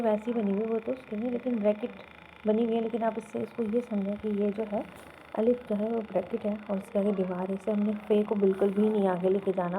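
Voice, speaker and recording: Her voice is mellow and medium in pitch, though the audio is poor and there's slight background noise. In a beginner Quran reading lesson, she teaches patiently, asks learners to repeat, and often checks understanding with "theek hai?".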